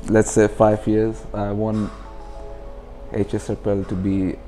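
Soft background music plays as this interview guest, a clothing brand founder in his twenties from the UAE, talks casually and explains things in a furnished indoor lounge. His lapel-miked voice sits on the low side, warm and level, and he speaks a little slowly.

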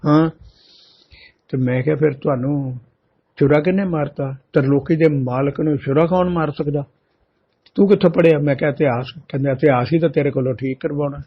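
A man giving a religious storytelling talk, animated and acting out both sides of remembered conversations. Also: a little high, fairly quick, slightly rough. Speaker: katha preacher. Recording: muffled lo-fi recording.

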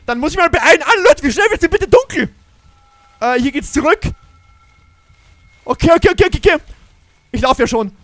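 A man's voice: extremely high pitch, animated, fairly quick, long pauses, fairly bright tone, no room sound. A man giving jumpy, exclaiming commentary on a Minecraft role-play adventure, talking straight to his viewers. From Germany. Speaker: gaming YouTuber.

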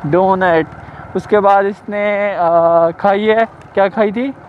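A man's voice: high voice, steady tone, takes it slowly. A young man from Pakistan with a Saraiki accent, chatting casually in a vlog and teasing his little brother as he rides a motorbike through town. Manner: teasing, repeats himself, calls out loudly. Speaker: motovlogger. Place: riding a motorbike outdoors in town. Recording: muffled with faint traffic noise.

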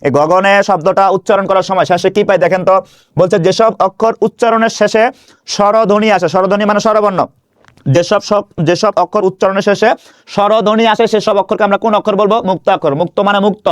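A man's voice: high-pitched, steady tone, quick pace, clean tone, no room sound, studio quality. A man teaching Bangla grammar in an online video lesson, drilling students with repeated questions and answers. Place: indoor room.

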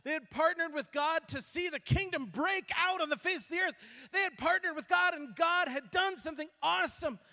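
High-pitched guy pastor telling a church story, lively, trips over his words, big reverb in the sanctuary. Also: normal speed. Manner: animated, acts out quotes, frequent restarts. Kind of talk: sermon storytelling. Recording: long hall reverb.

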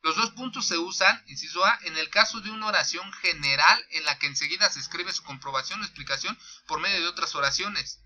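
A man with a Mexican accent teaching a punctuation lesson, reading examples slowly and naming each punctuation mark aloud. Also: on the high side, pushed and bright. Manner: slow, deliberate dictation of examples with punctuation named aloud; thinks aloud with restarts and fillers.

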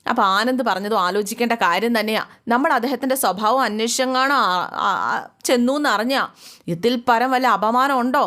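A woman retelling a TV serial in a chatty, lively storytelling way, acting out each character's lines. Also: fairly high pitch, fairly quick. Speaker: serial recap narrator. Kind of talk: casual storytelling recap with acted quotes.

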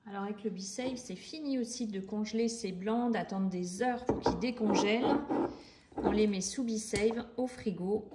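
A middle-aged woman giving a casual, chatty product demonstration in her home kitchen, pausing often with fillers. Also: medium pitch, background noise. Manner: chatty, hesitant with frequent fillers. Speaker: cooking vlogger demonstrating a product.

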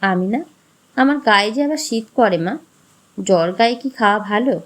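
A woman voicing a poor, gentle old male farmer who speaks softly and tenderly. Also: mid-range voice, expressive, moderate pace, natural voice. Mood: pleading. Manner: soft, tender, pleading.

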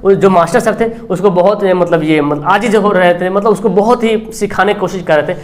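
A man with a high-pitched voice lectures a class on a story. He tells it in a lively way, acting out the characters' lines and checking in with the class over and over. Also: fairly quick. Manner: repeats filler tag "theek hai na". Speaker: teacher.

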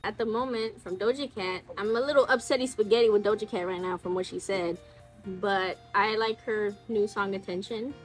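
A woman's voice: mid-range voice, steady tone, normal speed, soft background music, low-quality recording. A woman in her twenties hosting a casual chat, reading messages aloud and commenting in an informal, slangy way. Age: 20s. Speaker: host reading viewer confessions.

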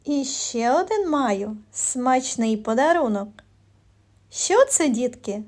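A woman speech therapist giving a children's lesson, asking slow questions with pauses for answers and praising the kids. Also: sits high, lively intonation, a little mellow. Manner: encouraging teacher tone, praising.

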